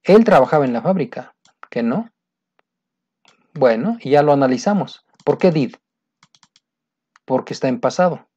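A patient teacher walks through a grammar lesson step by step, repeating key points and checking in with the listener. The voice sits in a middle register and sounds mellow and soft-edged. The recording is dull and muffled. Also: mid-range voice, expressive, moderate pace, long pauses, husky. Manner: patient, repetitive, keeps checking understanding. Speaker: English teacher.

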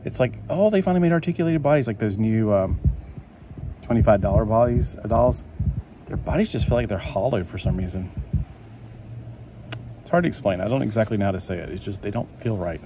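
Brisk yet full of frequent pauses, this man's lowish, warm voice plays over slight background noise. Indoors at a table, he leafs through a collector magazine and rambles to himself, easily charmed.

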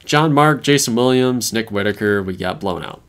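A man's voice: lowish voice, lively intonation, normal speed. A man hosting a casual chat about a football video game, laid-back as he walks through results. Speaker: host. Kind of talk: casual gaming commentary.

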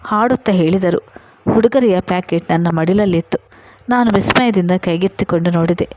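A woman reading a first-person love story aloud in a steady, even narration. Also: fairly low pitch, a little fast, a little hiss or hum, rough recording.

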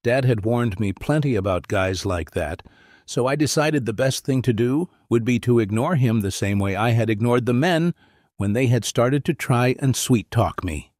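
A man narrating a first-person story in a plain, steady reading voice. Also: mid-range voice, moderate pace, no room sound, studio quality. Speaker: audiobook narrator.

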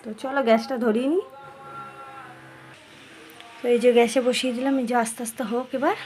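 A woman in a casual cooking vlog, talking softly and slowly in a tired, hoarse voice because she feels unwell. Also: on the high side, fairly even intonation, slight background noise. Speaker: cooking vlogger. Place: home kitchen.

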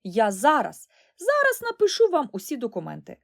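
A woman voicing an eager, excitable boy twin who shouts and pleads. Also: medium pitch, measured pace, natural voice. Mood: excited. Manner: excitable, hopeful.

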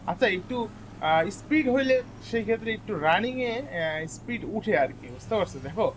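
A man talks his viewers through a hunting game in a casual, rambling way. His voice sits high, and he repeats words when something happens. A faint hum of ambience stays under his voice. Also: normal speed. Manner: chatty, addresses viewers as guys, repeats words excitedly. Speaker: gaming YouTuber. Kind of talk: casual gameplay commentary.

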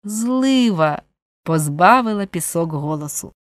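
A woman's voice: fairly low pitch, expressive, slow pace, no echo. Woman narrating an adventure audiobook.

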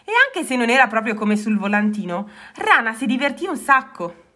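Woman storyteller, expressive children's reading, bright higher voice. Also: normal speed.

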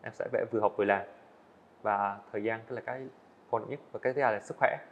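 The voice is a lowish one with fairly even intonation, belonging to a young man who studies animation and is being interviewed on an indoor studio set. He talks fast and earnestly in a casual style, often restarting phrases, and the recording is muffled with slight background noise.

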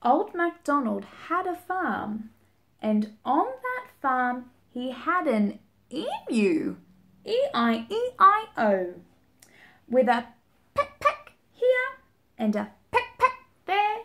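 Young woman for a children's storytime. High and sing-song, unhurried, gasps and invites the child to join in. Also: very animated, fairly bright tone. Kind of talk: reading and singing a picture book to young children. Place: small indoor room, seated at home.

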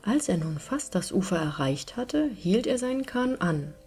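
With a sing-song lilt, a woman reads a fairy tale as scripted audiobook narration, her mid-range voice slightly rough and moving at normal speed. Soft music accompanies the storyteller.

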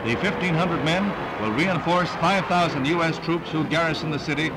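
A man giving emphatic, formal old newsreel narration over a loud music score. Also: on the high side, normal speed, noisy background.

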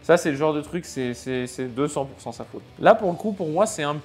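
A man with a fairly high voice talks casually over racing clips while faint music plays underneath. He stops and starts with lots of fillers and reacts out loud to each crash. The style is a chatty video commentary. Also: expressive. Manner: talks in halting bursts with many fillers. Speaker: sim racing video creator.

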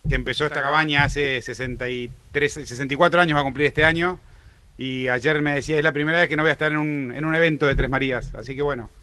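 Man, argentine accent, bright clear voice, halting thank-you speech, dry sound. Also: on the high side, dry recording. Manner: halting, restarts with fillers. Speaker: breeder thanking buyers.

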